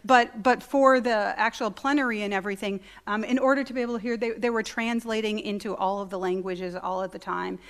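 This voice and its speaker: A woman's voice: medium pitch, gravelly, fairly bright tone. Middle-aged woman delegate talking to a church meeting, lots of ums, easygoing. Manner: conversational with many ums. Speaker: conference delegate. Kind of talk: informal presentation. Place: meeting hall.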